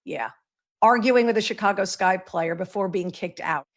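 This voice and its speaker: A woman delivering a formal, measured news report. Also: mid-range voice.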